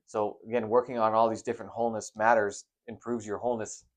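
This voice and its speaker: A man who is a doctor and co-hosts a podcast, explaining things in a relaxed way. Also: fairly low pitch, quick pace. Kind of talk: casual podcast chat.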